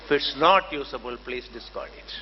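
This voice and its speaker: Older male academic, Indian accent, formal deliberate lecturer, reverberant hall with background noise. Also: mid-range voice, animated. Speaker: professor and conference speaker. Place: large conference hall. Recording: dull, noisy hall microphone, long reverb.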